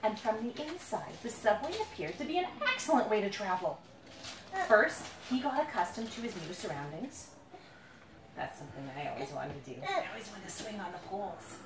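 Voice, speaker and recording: Reading her own picture book to a young child, a woman with a medium-pitched voice is animated and playfully dramatic, drawing out words in dramatic build-ups and pausing to ask questions. The handheld recording sounds roomy, noisy, and distant.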